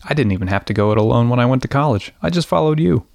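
Gravelly-voiced man, podcast co-host. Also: mid-range voice, animated, very fast, darkish tone, no echo, studio quality. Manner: casual, wry asides. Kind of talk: scripted podcast narration.

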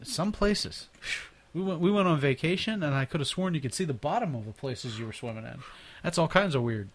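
A man's voice: on the high side, lively intonation, fast talker. A man hosting a casual podcast, rambling and laughing often, often stumbling and repeating words as he talks. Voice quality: natural mimic who slips into others' accents. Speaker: podcast host. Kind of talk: casual chat.

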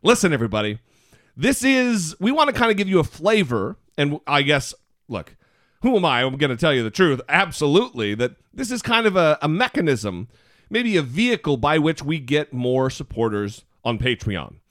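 A man's voice: a little high, big pitch swings, normal speed, a bit bright, dry recording, clean studio sound. A man hosting a podcast with casual comedic talk and brash, teasing delivery. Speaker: podcast host.

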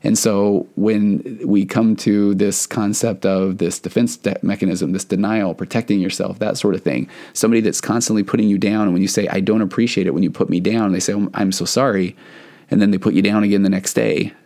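Middle-aged male therapist host, low mellow voice, earnest and rambling, solo podcast talk. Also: fairly even intonation, a little fast. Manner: rambling, earnest, many restarts.

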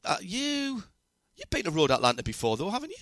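A man's voice: sits high, wildly swooping pitch, a little fast, a bit bright, slight background noise. A man hosting a motorsport interview, chatty and asking long, rambling questions. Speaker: podcast host, interviewer. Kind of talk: conversational interview.

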